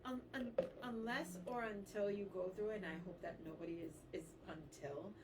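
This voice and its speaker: A woman's voice: medium pitch, normal speed, far from the mic. A woman co-hosting a casual radio talk show, speaking frankly and earnestly. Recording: off-mic with clear background noise.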